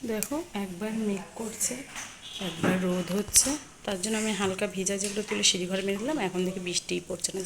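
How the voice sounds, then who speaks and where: A woman, chatting casually as she walks viewers through her household chores in a home vlog. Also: medium pitch. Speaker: home vlogger. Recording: phone recording with noticeable background noise.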